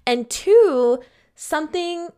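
A woman's voice: extremely high pitch, lively intonation, takes it slowly, dark tone. A woman talking casually and candidly in an upbeat advice vlog, emphatic and chatty, laying out her points in an organized way. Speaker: advice vlogger.

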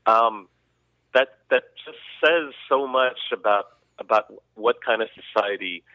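A man's voice: mid-range voice, measured pace, dry recording. A man co-hosting a history podcast, talking in an opinionated, emphatic way with frequent restarts. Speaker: podcast co-host. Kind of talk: casual history podcast chat. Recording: dry tinny phone-like line.

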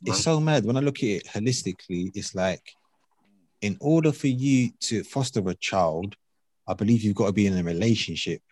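A man's voice: on the low side, lively intonation, normal speed, darkish tone, dry recording. A man with an urban London accent, talking casually in slang-heavy roadman style as a discussion host. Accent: London, urban street. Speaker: podcast host.

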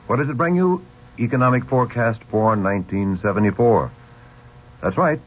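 A husky American man delivers a scripted news promo on the radio. He is emphatic, with big swings in intonation, and the sound is a dull vintage broadcast. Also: medium pitch, animated, moderate pace. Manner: emphatic, asks and answers his own questions. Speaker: news host promoting his programme.

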